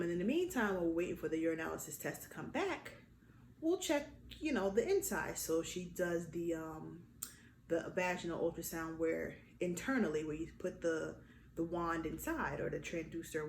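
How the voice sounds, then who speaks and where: A young adult woman telling a personal story in a casual vlog, lively and acting out the quotes. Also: brisk. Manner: animated, acts out quotes with big pitch jumps. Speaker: vlogger. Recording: echoey room with faint noise.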